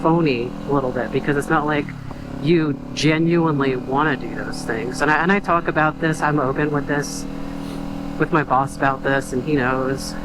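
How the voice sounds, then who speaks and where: Behind the wheel, a young man records a vlog of casual venting, his voice a little high with fairly even intonation at normal speed. He comes across as quiet and reflective, rambling and hesitant with many fillers and restarts, while road and engine noise sounds behind him.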